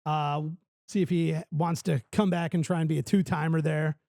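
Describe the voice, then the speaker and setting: High-pitched, creaky male show host. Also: fairly even intonation, moderate pace, dark tone, no room sound, clean studio sound. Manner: joking, banters with the panel. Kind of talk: casual chat.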